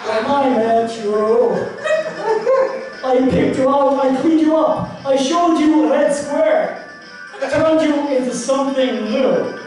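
A man playing a deadpan Soviet KGB comrade in a live comedy double act, with a mock Russian accent and stiff, broken English. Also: very high voice, slow pace, soft background music. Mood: mock-solemn. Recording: echoey hall from far off.

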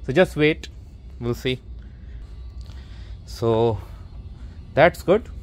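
A man's voice: medium pitch, expressive, extremely slow. A man casually narrating a walkthrough of his basement renovation, rambling with many fillers and restarts, filmed on a handheld camera. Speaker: homeowner vlogger. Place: unfinished basement, later outdoors in a stairwell. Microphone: handheld or body camera, first-person view.

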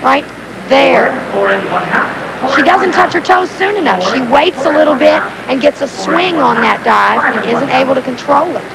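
A woman's voice: sits high, animated, normal speed, gravelly, over a noisy crowd. A woman explaining technique as an expert analyst in live sports commentary on an old stadium broadcast. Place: outdoor diving stadium. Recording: very noisy crowded 1980s stadium broadcast.

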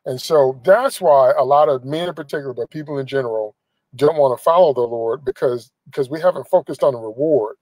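A man's voice: medium pitch, dark tone, no room sound, rough recording. Emphatic male preacher streaming from a car. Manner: emphatic, repeats phrases for emphasis, gestures with his hand. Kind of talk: live-streamed sermon. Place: inside a parked car. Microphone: phone camera at arm's length.

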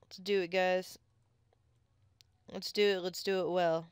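A woman giving chatty, excitable commentary on her own gameplay into a close mic, with sudden squeals when something catches her eye. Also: fairly low pitch, unhurried, smooth, no room sound. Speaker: let's play gamer.

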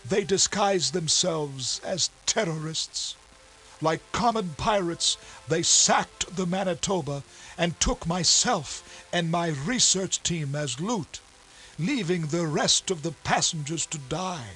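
A man voicing a dying, bitter older sea captain who speaks in a grave, gasping, drawn-out way, in a story game. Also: on the high side, animated, pushed and bright, faint music behind, voice pushed up, heavily acted, rough recording. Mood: grieving.

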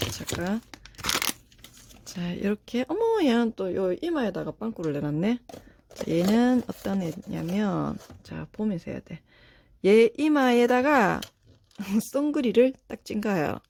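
A woman chatting as she unboxes toy figures. Her pitch leaps up and down as she exclaims and talks to herself. Wrapping crinkles behind her. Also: big pitch swings, slow, gravelly, long pauses, slight background noise. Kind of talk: casual unboxing chat.

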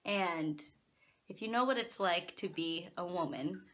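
A vlogger in her twenties chats casually and playfully to a phone held at arm's length, in small indoor rooms and a parked car. Her voice is fairly low, unhurried and a bit bright, captured on a noisy handheld phone recording.

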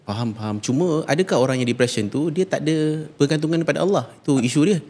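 A man's voice: on the high side, fast, a little mellow, slightly rough, in a large hall. A man with a Malaysian accent, a religious preacher guest in a casual podcast discussion, explaining earnestly and posing rhetorical questions.

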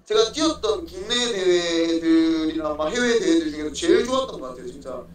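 Young man, polite interview talk, halting, repetitive phrasing, high pitch, far from the mic, faint noise. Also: animated, echoey room. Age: young adult. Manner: polite, halting, often repeats his own phrases. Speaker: MMA fighter being interviewed. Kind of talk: casual remote interview answers. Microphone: phone at arm's length, video call.

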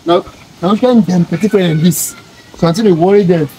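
A man's voice: high-pitched, moderate pace, mellow, lightly acted, poor audio. A young man with a West African accent playing a bossy, scolding figure in a comedy skit. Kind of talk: comedy skit dialogue in Pidgin English. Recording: outdoor phone video, faint noise.

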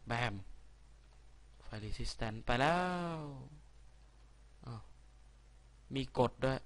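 A man's voice: mid-range voice, steady tone, very slow. Polite young man chatting through a game. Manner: chatty, polite, reads game text aloud. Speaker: gaming channel host. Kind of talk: casual Minecraft let's play commentary.

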